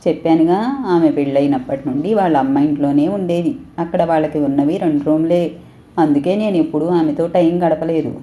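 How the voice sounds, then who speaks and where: A woman reading the lines of a tender, loving husband in an audio story, soft and plain-spoken. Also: low-pitched, a little fast, lightly acted. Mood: confiding.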